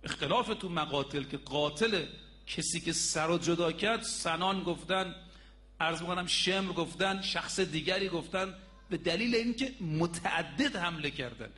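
A man's voice: a little high, bright, forceful tone. A man preaching a sermon, telling a story and speaking emphatically to the congregation as brothers and sisters, repeating his key points.

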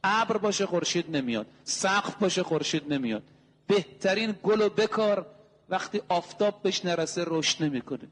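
A man's voice: high voice, lively intonation, a bit bright, a little hiss or hum. A man preaching a sermon, driving his points home with rhetorical questions and repeated, emphatic lists. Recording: long hall reverb.

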